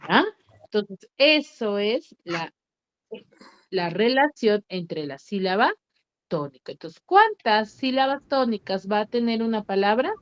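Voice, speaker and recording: Slow, patient woman teacher quizzing pupils. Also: mid-range voice, big pitch swings. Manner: quizzing, stretching out syllables for emphasis. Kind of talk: online class lesson. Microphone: computer mic on a video call. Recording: slightly muffled online call audio.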